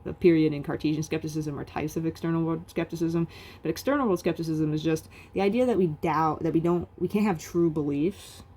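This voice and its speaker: A woman with a low voice and a warm, soft tone explains philosophy in a video lecture. She talks casually and loosely, filling the pauses with "um" and "like". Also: fairly even intonation. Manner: casual and chatty, many fillers like "um" and "like".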